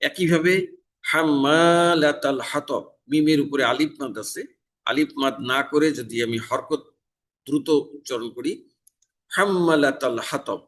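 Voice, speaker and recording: A man from Bangladesh teaching Quran recitation rules in a mosque, his pitch sitting at an ordinary middle height. He explains each recitation error plainly, then stretches the verse examples out slowly and deliberately. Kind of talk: tajweed lesson with recited examples. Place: mosque in Dhaka.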